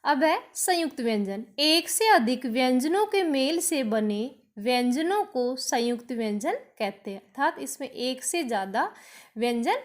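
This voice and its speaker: Slow-talking high-voiced woman teacher. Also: expressive. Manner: slow, explaining step by step and repeating each definition; asks a question, then answers it herself. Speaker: school teacher. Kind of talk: recorded grammar lesson.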